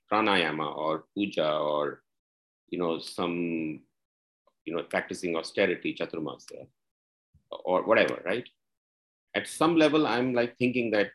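A man with an Indian accent and a fairly low voice joins a casual group discussion. He thinks aloud in a tentative, reflective way, often rephrasing and hedging. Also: low-quality recording.

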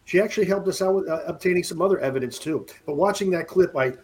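This late-fifties podcast guest talks fast in a high voice, drifting through casual chat full of jokes and many restarts.

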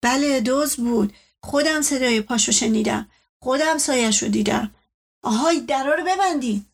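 A woman voicing an irascible, paranoid old family patriarch who shouts accusations. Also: high-pitched, vocal fry, slightly rough, full character voice. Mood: alarmed, furious.

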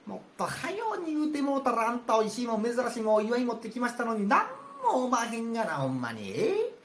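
Man as picky boastful guest, rakugo, Kansai accent, loud sneering drawl, faint room noise. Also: extremely high pitch, very animated, fast talker, pitched above the performer's own voice, heavily acted. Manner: scornful, drawling complaints. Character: snobbish boastful male guest, picky eater. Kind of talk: rakugo storytelling. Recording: roomy with faint ambience.

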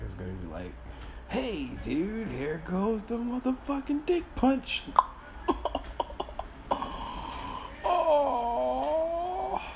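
A man rambling through casual, sweary podcast banter in a loose, giggly way, tripping on mushrooms. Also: mid-range voice. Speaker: podcast host. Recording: clearly noisy background ambience.

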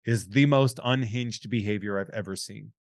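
A man hosting a podcast, chatting casually and jokily while reading out listener shout-outs. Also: fairly low pitch, normal speed, no room sound, clean studio sound. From New England. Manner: rambling, jokey, reads listener shout-outs. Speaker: podcast host. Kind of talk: casual chat.

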